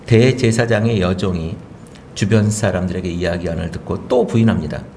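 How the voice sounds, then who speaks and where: A male pastor giving an animated sermon, often acting out the lines of the people he talks about. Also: fairly low pitch, a little hiss or hum. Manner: animated preaching, acting out quoted speech.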